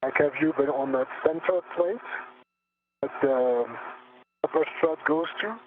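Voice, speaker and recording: A man working as an astronaut, giving a halting, precise technical report over a crackly space-to-ground radio link. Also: on the high side. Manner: halting, precise, searching for words. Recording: tinny radio line with faint hum.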